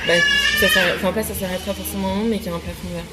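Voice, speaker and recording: A woman's voice: mid-range voice, steady tone, very fast, over loud music. A woman hosting a podcast interview, searching for her words and using many fillers. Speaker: podcast host. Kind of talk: casual interview.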